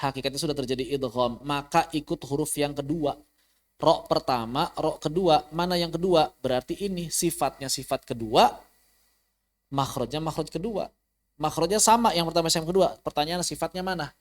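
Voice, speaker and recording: Man teaching Quran recitation online. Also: a little high. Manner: explains rules, then chants example words slowly and melodically; addresses students directly, invites questions. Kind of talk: online tajwid lesson. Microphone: online class recording.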